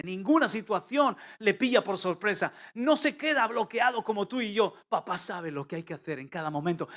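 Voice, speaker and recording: High-voiced preaching man. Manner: swings between loud emphatic calls and quiet intimate asides. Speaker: pastor. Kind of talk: sermon. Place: church.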